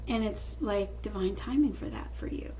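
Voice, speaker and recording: Casting: female tarot reader, mid-pitched, reassuring and emphatic, speaking to the viewer over faint room noise. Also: moderate pace, warm tone, rough recording. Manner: reassuring, emphatic with repeated phrases. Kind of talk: tarot reading addressed to the viewer.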